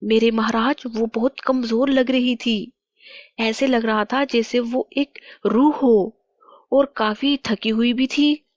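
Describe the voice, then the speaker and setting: A woman's voice: a little high, steady tone, slow, no echo, muffled recording, pitched above the performer's own voice. Woman voicing a worried palace nanny.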